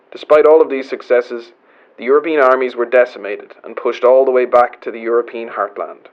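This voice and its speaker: A man narrating in the style of an old-time newsreel announcer, with a formal, measured delivery and a lo-fi newsreel sound. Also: medium pitch.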